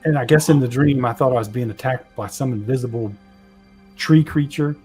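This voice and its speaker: A man's voice: mid-range voice, brisk, warm tone, soft background music. A man playing in a tabletop game, talking casually about his character's moves. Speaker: player. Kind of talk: tabletop role-play.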